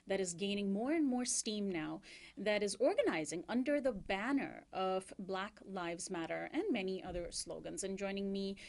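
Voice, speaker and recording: Lady host asking questions in the studio, measured, lots of uhs. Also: mid-range voice, creaky, darkish tone. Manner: measured, with frequent "uh" fillers. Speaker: radio and TV show host. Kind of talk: interviewing guests.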